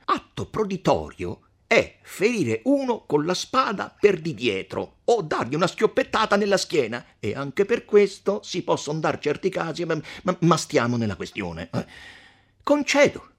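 A man voicing an arrogant young count who shouts and swaggers, in a storybook reading. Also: fairly high pitch, huge pitch swings, normal speed, pitched above the performer's own voice, heavily acted. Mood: swaggering.

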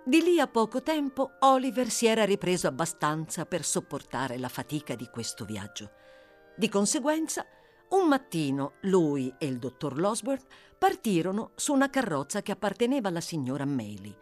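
Expressive woman reading a novel aloud. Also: lowish voice, normal speed, faint music behind. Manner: expressive, lively storytelling. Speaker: audiobook reader. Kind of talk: scripted narration.

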